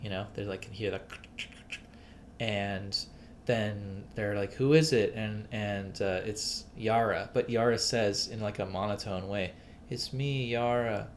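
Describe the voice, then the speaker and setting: A man's voice: lowish voice, flat delivery, measured pace, slight background noise. A man co-hosting a casual podcast about a film, rambling with many fillers and restarts. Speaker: podcast co-host.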